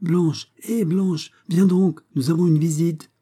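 A man's voice: mid-range voice, moderate pace, warm tone, close to an everyday voice. A man voicing a jovial older family friend who greets a returning guest heartily, in an exclaiming manner. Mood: calling out.

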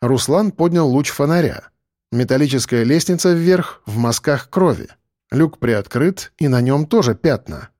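A man's voice: mid-range voice, expressive, a little slow, a little mellow, dry recording. A man reading a first-person crime story aloud in a dry, wry tone. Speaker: audiobook narrator. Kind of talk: first-person audiobook narration.

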